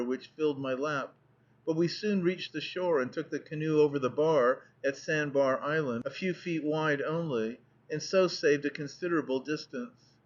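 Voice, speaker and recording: Guy narrating an old travel book, slightly high voice, steady even pace, kinda muffled lo-fi sound. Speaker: audiobook narrator. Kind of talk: reading a travel narrative aloud. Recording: dull lo-fi audiobook recording.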